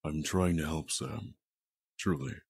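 A man voicing Khan, a remorseful, earnest brother in an audio drama, with a husky voice. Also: steady tone, slow pace, dry recording, clean studio sound, heavily acted. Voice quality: deep gravelly husky voice.

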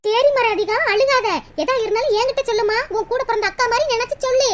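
A woman acts out a nosy, two-faced village auntie in a cartoon comedy, her voice pitched up to a squeak. She coaxes sweetly, then mutters schemes under her breath. A light hiss runs underneath. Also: fast. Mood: coaxing. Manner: sweet-talking aloud, sly muttered asides. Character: scheming gossipy middle-aged village woman. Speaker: cartoon character voice.

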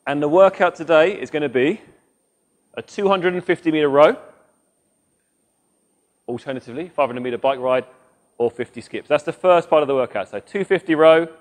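A man's voice: fairly high pitch, normal speed, long pauses. Male coach demonstrating a workout. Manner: instructive, demonstrates moves while talking. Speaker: fitness coach. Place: large gym indoors. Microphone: lapel mic.

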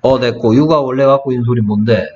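A man's voice: medium pitch, quick pace, background noise. A man tutoring English phonics one-on-one, quizzing his student on letter sounds. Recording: dull lo-fi audio with music.

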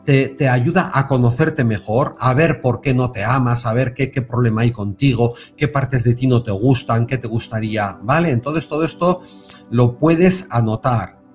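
A man with a Spain Spanish accent gives a spiritual self-help talk to camera, lively and repetitive, often checking in with his listeners. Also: mid-range voice, normal speed, faint music behind. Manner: animated, repeats words and stresses with tag questions. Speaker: self-help video host.

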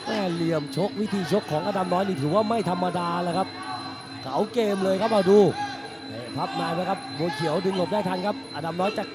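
A man giving excited Muay Thai boxing commentary, breaking into exclamations as he follows the strikes. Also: sits high, brisk. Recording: music behind the commentary.

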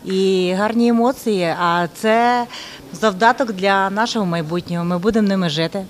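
A woman giving measured, speech-like feedback after a cooking class. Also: mid-range voice. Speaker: master class participant. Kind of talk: casual spoken feedback.

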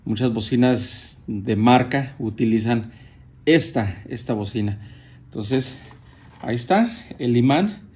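A man's voice: mid-range voice, slow pace, a little mellow. A man with a Mexican Spanish accent giving a casual, chatty walkthrough of sound equipment, with many fillers and restarts as he handles the gear. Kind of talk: casual product show-and-tell.

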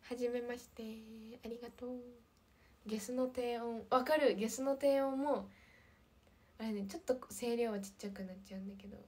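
A fairly high, breathy young woman with a light lilt talks casually to viewers on a livestream. She is chatty and answers comments, often dropping into soft near-whispers. The mic is close and she sounds relaxed. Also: brisk. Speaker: idol livestream host.

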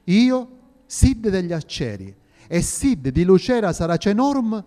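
A man's voice: high-pitched, big pitch swings, measured pace, warm tone. A man voicing a bold, boastful Saracen archer captain in a brash, raised tone. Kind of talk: audio drama reading. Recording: reverberant hall with faint music.

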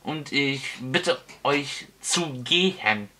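A man's voice: medium pitch, expressive, very slow, sharp tone, full character voice. A man voicing a small, fussy male homeowner in an audiobook, stiffly polite and flustered. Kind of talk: audiobook character voice.

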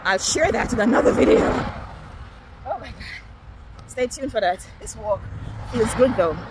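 A woman's voice: a little high, animated, moderate pace, noisy background. A woman from Jamaica, chatting casually to viewers on a phone while walking outdoors, a little out of breath. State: slightly out of breath. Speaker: vlogger. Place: outdoors on a neighborhood street.

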